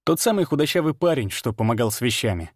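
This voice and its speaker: Brief: man, mid-pitched, steady first-person audiobook narration, dry close recording. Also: quick pace, no echo.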